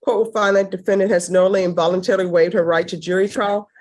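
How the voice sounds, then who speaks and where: A woman judge running formal courtroom proceedings in a brisk, firm, stern manner, heard in a courtroom recording. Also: mid-range voice, fairly even intonation, a little mellow.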